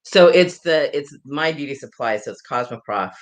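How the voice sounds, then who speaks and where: This woman, a hairdresser and salon owner, chats and laughs her way through a rambling live hair tutorial with viewers. She has a very deep voice and speaks expressively at normal speed.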